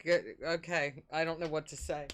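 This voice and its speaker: A woman's voice: low-pitched, little pitch movement, normal speed. A middle-aged woman co-hosting a casual chat podcast, laughing often and trying to keep things on track. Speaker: podcast co-host.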